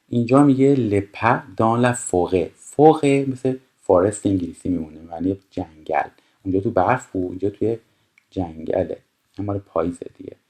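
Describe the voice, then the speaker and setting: A man whose native language is Persian teaches a French lesson from a textbook in a very deep, slightly mellow voice. He reads every phrase slowly and carefully, then explains it at a quick, conversational pace.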